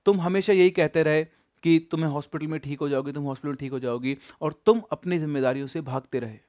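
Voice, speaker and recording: A man voicing the ghost of a dead young wife, speaking low and quiet in his own voice. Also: fast, lightly acted. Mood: cold accusing.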